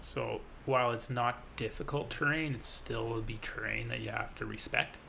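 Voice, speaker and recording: A man narrating as game master of a tabletop role-playing game, describing scenes in a relaxed, descriptive way with some hesitations. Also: medium pitch, normal speed, gravelly, slight background noise.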